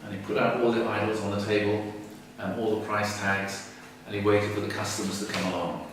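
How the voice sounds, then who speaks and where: A man retells an ancient story in a relaxed, humorous teaching style. His voice is low and picked up from some distance. The room echoes strongly and faint ambient noise sits behind him. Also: brisk. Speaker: religious teacher. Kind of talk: storytelling lecture. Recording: echoey room, far from mic.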